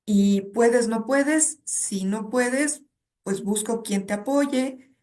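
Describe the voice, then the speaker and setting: A woman's voice: on the high side, takes it slowly, a little mellow. A woman, a guest academic who speaks in a reflective, conversational way and illustrates her points with personal anecdotes. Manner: reflective, tells stories and checks in with '¿no?'.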